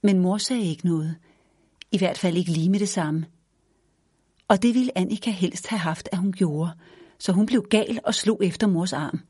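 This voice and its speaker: Low, husky woman reading a storybook. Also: dry recording. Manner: gentle, even read-aloud storytelling. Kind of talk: children's storybook narration.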